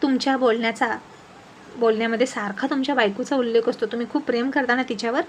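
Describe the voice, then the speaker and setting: A woman voicing a spirited, outspoken young woman in a storybook tale, with a lively, scolding manner. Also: a little high, fast, a little hiss or hum, natural voice.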